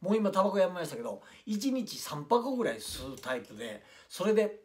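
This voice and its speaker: 関西弁で語る男性芸人. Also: male voice, high voice, sing-song, fairly quick, a little mellow. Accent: Kansai. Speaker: rakugo performer, channel host. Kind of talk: casual storytelling chat. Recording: roomy, distant mic.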